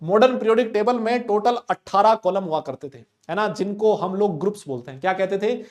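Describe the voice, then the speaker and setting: A young male chemistry teacher giving an online class, chatty and loud, talking to students and voicing their questions himself. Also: high voice, fairly quick.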